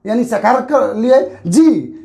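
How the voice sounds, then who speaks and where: A man's voice: very high voice, expressive, slow pace, gravelly, dark tone. A man teaching a grammar lesson for exam preparation, who asks questions and answers them himself and repeats the key terms.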